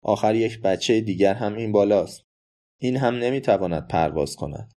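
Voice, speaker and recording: A man voicing a bold, wild young girl in a storybook, calling out her lines loudly. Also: lowish voice, close to an everyday voice. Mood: urgent.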